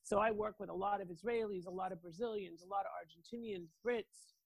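The speaker has a husky, mid-range voice with a steady tone, and she talks briskly over a rough recording with no room sound. A Toronto native with a Canadian accent, she's an international lawyer and mobility strategist appearing as an expert podcast guest, explaining her work with assurance and speaking straight to the listener.

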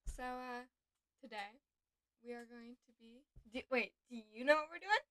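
A woman's voice: fairly high pitch, normal speed, bright, forceful tone, no room sound. A young woman co-hosting a podcast, talking in a bubbly, giggly casual way. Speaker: podcast co-host. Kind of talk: casual chat.

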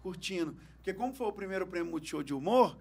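A man's voice: high-pitched, animated, quick pace, darkish tone, slightly rough. A man, a stand-up comedian telling brash, crude stories in a podcast interview. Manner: brash, joking, crude humor. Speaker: stand-up comedian and radio host. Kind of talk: comic storytelling in a podcast interview.

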